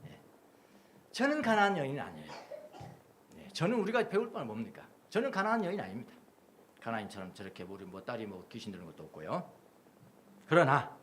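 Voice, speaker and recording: Animated middle-aged Korean pastor preaching. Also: male voice, on the high side, a little hiss or hum. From Jeolla, South Korea. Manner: animated, repeats phrases in rhythmic lists. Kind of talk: Sunday sermon. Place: church sanctuary.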